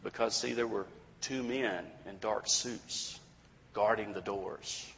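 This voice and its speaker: A male preacher telling a sermon story in a measured way, with dramatic pauses. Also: fairly low pitch, fairly even intonation, vocal fry, fairly bright tone, slight background noise. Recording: dull lo-fi recording with long hall reverb.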